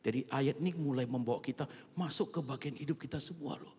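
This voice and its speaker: A male pastor preaching a sermon at an evening church prayer service. He talks colloquially, turns often to the congregation, and swings between loud outbursts and hushed near-whispers. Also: medium pitch, fast talker, a little hiss or hum. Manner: colloquial, with frequent asides to the congregation.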